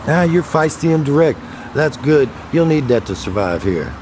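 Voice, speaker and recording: This is a man performing the role of a weary, gruff police detective for a horror audio drama, his manner wry, guarded and commanding. The pitch is fairly high and the delivery very animated at a moderate pace, over a noisy background.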